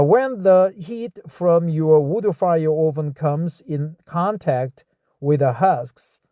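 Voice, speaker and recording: Slow Korean-accented man reading aloud. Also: on the high side, warm tone, no room sound. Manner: slow, repeats and practices words. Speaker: reader studying English.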